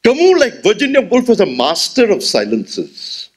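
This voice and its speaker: A man in his sixties, Indian English accent, stands at a podium in an auditorium giving a memorial lecture through a gooseneck mic. He speaks high-pitched at a moderate pace, expressive and rhetorical, with gestures.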